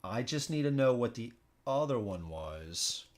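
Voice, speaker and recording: A streamer hosting a solo board game playthrough gives casual live commentary in an average-pitched, very animated but unhurried voice. He thinks aloud informally, often repeating a phrase while working out his moves.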